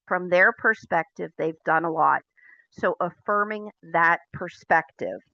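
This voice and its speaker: A woman teaching a class for pet detectives, explaining her consultation methods in a clear, measured way. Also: lowish voice, pushed and bright, no room sound, highs cut off. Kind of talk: recorded business class lecture.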